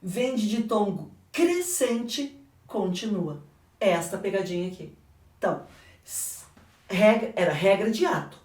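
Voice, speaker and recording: Heard from afar in an echoey room, a Brazilian Portuguese-accented teacher corrects an exam, asking herself questions and answering them to explain. Her medium-pitched, darkish voice has lively intonation, and she speaks unhurriedly with frequent pauses.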